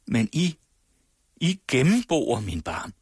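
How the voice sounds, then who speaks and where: A man's voice: medium pitch, sing-song, darkish tone, slightly rough, dry recording, clean studio sound, voice pushed up. A man voicing a distraught young woman who pleads for her father in an old storybook tale. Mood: pleading.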